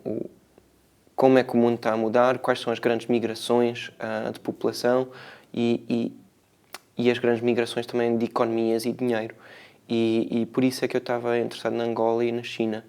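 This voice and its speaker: Male filmmaker interviewee, European Portuguese accent, creaky mid-pitched voice, reflective and halting delivery. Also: darkish tone. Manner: hesitant, reflective, searching for words, frequent tag questions. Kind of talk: spontaneous interview answers.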